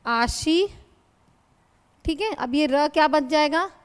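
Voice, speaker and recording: Woman, patient grammar teacher, high voice, reverberant hall. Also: expressive, slow pace. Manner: patient, addresses students as "beta", explains by asking questions. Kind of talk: classroom lecture.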